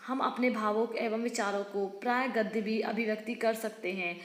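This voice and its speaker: A fairly high-pitched woman reads teaching notes aloud like a tutor going through exam material. She stumbles and restarts now and then and turns to her students for quick informal asides. The room rings with long, echoing reverb. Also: steady tone. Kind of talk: reading out exam study notes.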